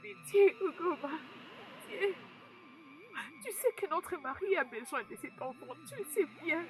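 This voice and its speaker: A woman's voice: on the high side, big pitch swings, normal speed, a little hiss or hum. A woman voicing a frightened pregnant young wife in a dubbed film, begging for mercy. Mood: pleading. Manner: pleading, fearful.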